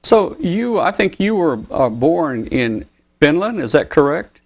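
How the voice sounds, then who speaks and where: A man's voice: on the high side, big pitch swings, measured pace. A man hosting a live ham radio talk show, interviewing a guest in a friendly, chatty manner with frequent restarts. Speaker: show host.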